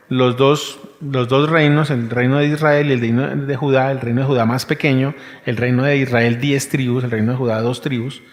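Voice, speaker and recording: A man preaching a sermon, teaching conversationally with rhetorical questions. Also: a little high. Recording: long hall reverb.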